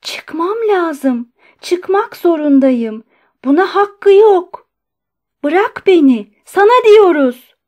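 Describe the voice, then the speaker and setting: A woman reader voicing an aging male doctor who pleads in a high, trembling, strained voice. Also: animated, a little slow, darkish tone. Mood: desperate pleading.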